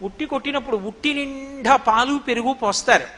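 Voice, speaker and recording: A man giving a lively devotional storytelling discourse as a preacher. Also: extremely high pitch, a little fast. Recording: long echoey hall reverb.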